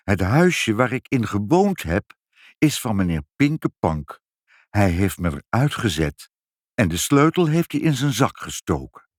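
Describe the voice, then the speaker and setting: A man voicing a tired, humble old gardener in a storybook, speaking slowly and mumbling. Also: fairly low pitch, very animated, no room sound, studio quality. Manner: slow, mumbling.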